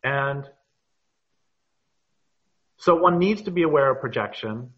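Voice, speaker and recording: Speaking slowly and expressively at a medium pitch, a man appears as a panel guest on a video call. He tells stories unhurriedly and thoughtfully in a reflective online conversation, and the video call audio is muffled.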